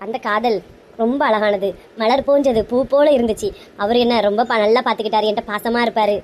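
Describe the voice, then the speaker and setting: A woman's voice: a little high, steady tone, brisk, a little hiss or hum, close to an everyday voice. A woman playing a brash, melodramatic middle-aged mother in a comedy skit, bossy and scolding, with a Kanyakumari Tamil accent.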